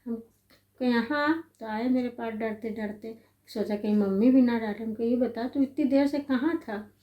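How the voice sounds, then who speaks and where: A woman's voice: on the high side, normal speed, lo-fi sound. A middle-aged woman telling a family story as a mother, rambling and conversational, acting out the lines she quotes. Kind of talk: casual spoken storytelling. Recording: echoey room.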